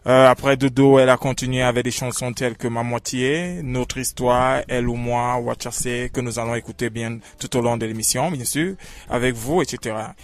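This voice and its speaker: A man hosting a radio interview, talking with many halting fillers. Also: mid-range voice, fairly even intonation. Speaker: radio host.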